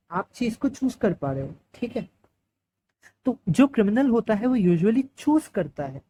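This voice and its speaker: Woman with an Indian accent, lecturer, mellow tone, asks and answers her own questions, faint background hiss. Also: medium pitch, poor audio. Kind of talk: Hinglish classroom lecture.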